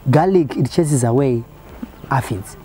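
A man's voice: medium pitch, measured pace, dark tone, soft background music, poor audio. A man explaining his garden outdoors, plain and earnest. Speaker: farm worker. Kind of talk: explaining in an interview.

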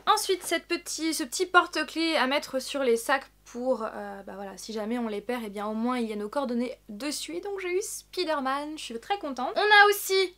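A young woman vlogger chatting excitably through an unboxing. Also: high-pitched, normal speed, hardly any pauses. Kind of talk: casual unboxing chat.

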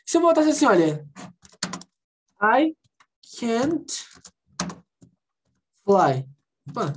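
A woman teaching English in an online class, lively and coaxing, quizzing students and repeating phrases slowly. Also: on the high side, slight background noise. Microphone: video call.

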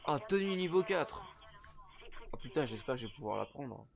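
A young man giving casual, profane commentary while playing a horror game, joking and often shouting. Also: mid-range voice, big pitch swings, moderate pace, creaky, lo-fi sound, a crowd in the background. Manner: swearing, jokey, bursts of shouting. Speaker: gameplay commentator. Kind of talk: let's play commentary.

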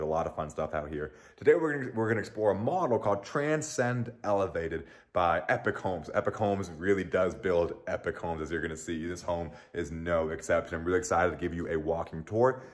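A man with a very low, deep voice leads a walking tour of a new home as a realtor. He sounds excited and upbeat, pitching each feature with a salesman's enthusiasm. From Denver area. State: out of breath.

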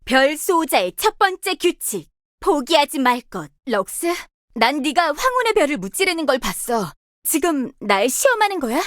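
Here the voice actress sits high in pitch and sounds very animated, with a fairly bright tone at normal speed. She voices a confident young star guardian warrior leading her team, delivering bold, commanding video game lines with determination. The studio recording is clean, with no echo.

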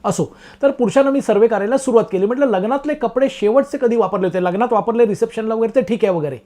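A man's voice: extremely high pitch, fast talker, mellow. A middle-aged man delivering a comic monologue in a wry, self-mocking, chatty way, talking straight to his listeners. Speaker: comic storyteller. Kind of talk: stand-up style comic monologue.

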